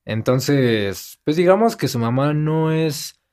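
A man's voice: fairly high pitch, expressive, takes it slowly, darkish tone. A young man with a Mexican Spanish accent telling stories in a casual chat and animatedly mimicking other people.

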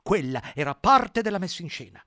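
A man voicing a sly male pig propagandist who talks shrill and insistent. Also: animated, normal speed, a bit bright, no echo, studio quality. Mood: fervent. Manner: shrill, emphatic, wheedling preaching.

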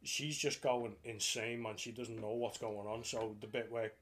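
A man co-hosting a casual chat about film music, animated and acting out scenes as he tells them. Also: fairly low pitch, moderate pace. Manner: animated storyteller, swears freely, acts out scenes. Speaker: podcast co-host.

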